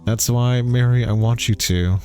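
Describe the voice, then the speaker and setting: A man's voice: medium pitch, steady tone, warm tone, soft background music, natural voice. A man voicing a solemn, grieving ghost father. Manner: slow, solemn, probing questions.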